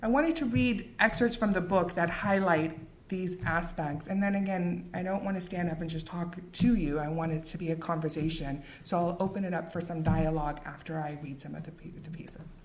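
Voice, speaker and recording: American woman, author, book talk and reading, measured and earnest, lowish voice, faint noise behind. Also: fairly even intonation. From United States. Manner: measured, earnest, with frequent fillers.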